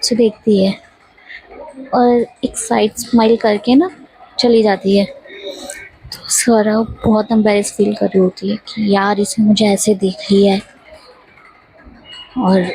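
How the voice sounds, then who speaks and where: A woman casually retelling a love story in a chatty way, with fillers and quick self-corrections of names, sometimes dropping to a hushed near-whisper. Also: mid-range voice, husky, no echo, rough recording.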